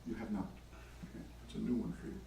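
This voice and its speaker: A man's voice: fast talker, warm tone, a little hiss or hum. A man leading a prayer group, retelling a gospel story casually with chatty, wry asides. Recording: echoey room, far from mic.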